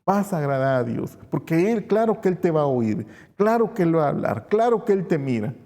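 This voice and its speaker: A man's voice: fairly high pitch, big pitch swings, fairly quick, dark tone. A man with a Guatemalan accent preaching a sermon, explaining step by step and answering his own rhetorical questions. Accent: Guatemalan Spanish. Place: church. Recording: long reverb of a church hall.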